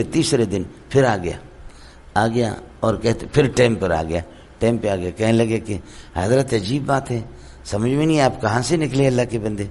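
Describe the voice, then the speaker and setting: A hoarse man giving a Quran commentary lecture in a madrasa, telling stories and often checking that his listeners understand. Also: mid-range voice, a little mellow. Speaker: Quran teacher.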